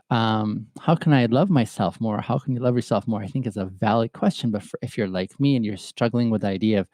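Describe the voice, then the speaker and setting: Male host from Ethiopia, solo reflective talk, gravelly voice, dry close sound. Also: on the low side, darkish tone, no echo. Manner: thoughtful and halting, with pauses and fillers. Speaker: podcast host answering viewer questions.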